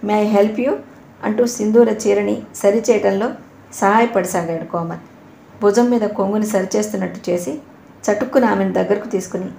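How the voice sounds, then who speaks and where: A woman's voice: mid-range voice, gravelly. Woman narrating an audio novel. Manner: steady storytelling. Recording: echoey room, faint hiss.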